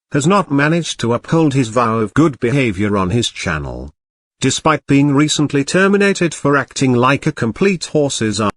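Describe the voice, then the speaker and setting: A man's voice: mid-range voice, dry recording. Robot cat narrator, male, a man doing it, formal and snide, dry studio sound. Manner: formal, archaic wording with dry sarcasm. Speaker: commentary narrator. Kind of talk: scripted drama-news commentary.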